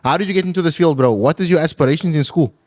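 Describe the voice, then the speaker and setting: A man's voice: a little high, rapid-fire, a little mellow, no room sound, studio quality. A young man from Congo with a Cape Town accent, hosting a casual podcast interview in an easygoing, slangy way. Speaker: podcast host. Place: podcast studio.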